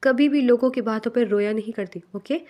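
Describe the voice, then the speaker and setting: A woman doing a storybook male boss, soft and coaxing, high voice. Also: fairly even intonation, normal speed, lightly acted. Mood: concerned. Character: male office boss, caring then menacing.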